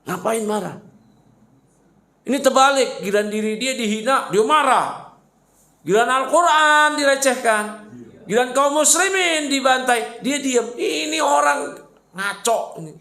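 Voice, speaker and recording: A man's voice: very high-pitched, animated, measured pace, sharp tone, echoey room. A man preaching a mosque study sermon, emphatic and fired up, firing rhetorical questions at his listeners and slipping in mocking asides. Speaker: Islamic preacher.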